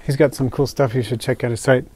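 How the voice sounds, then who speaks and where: An older man casually narrating a hobby vlog as he unpacks and shows his isopod purchases, talking in a relaxed, chatty way with fillers and soft asides. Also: medium pitch, quick pace, a little hiss or hum. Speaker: isopod keeper unboxing purchases. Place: indoors at a table, hands on camera.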